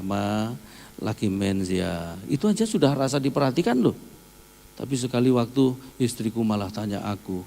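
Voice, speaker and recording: A middle-aged male pastor, preaching in a storytelling way, acting out dialogue and rising to loud shouts. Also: mid-range voice, vocal fry. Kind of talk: sermon. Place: church hall. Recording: long hall reverb, faint noise.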